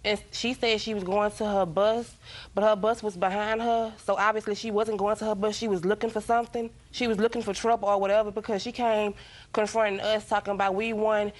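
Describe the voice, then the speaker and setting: A woman's voice: medium pitch, level tone, brisk. A young woman testifying in a TV court as a defendant, defensive and self-justifying as she complains. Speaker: defendant in a small-claims TV court.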